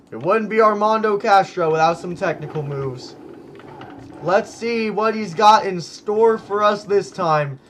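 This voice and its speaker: Calling a simulated monster truck event, a man gives hyped play-by-play, exclaiming again and again as he loses his voice. It sits high, and there's slight background noise.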